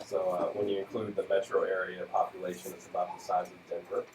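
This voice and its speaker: Relaxed man reading off facts. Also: low voice, quick pace, reverberant, recorded from a distance, slight background noise, poor audio. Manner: relaxed, fact-reciting with fillers and light chuckles. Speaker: radio show co-host. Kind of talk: casual radio chat presenting facts.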